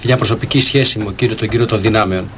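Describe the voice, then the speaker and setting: A man hosting a religious radio talk show, speaking in a measured, preacherly way with frequent hesitations. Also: lowish voice, steady tone, slight background noise. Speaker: radio host.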